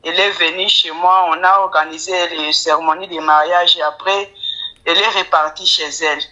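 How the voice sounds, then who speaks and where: A woman with a Congolese accent telling her story as a deferential caller, in halting, broken French as a non-native speaker with grammar slips. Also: lowish voice, fairly even intonation, pushed and bright, highs cut off. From Kinshasa, Congo. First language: not French; speaks it with difficulty. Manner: deferential, often addressing the coach by title. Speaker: caller to a live coaching show. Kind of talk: personal storytelling.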